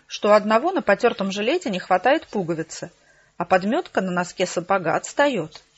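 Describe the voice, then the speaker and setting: A woman with a husky voice narrating a first-person audiobook in a dry, wry manner. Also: mid-range voice. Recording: slightly dull lo-fi recording.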